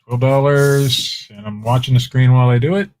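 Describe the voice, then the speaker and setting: A fast-talking man with a mid-range voice runs a laid-back live-stream auction against slight background noise. He shows items, calls bids, and chats in a relaxed way with viewers in chat.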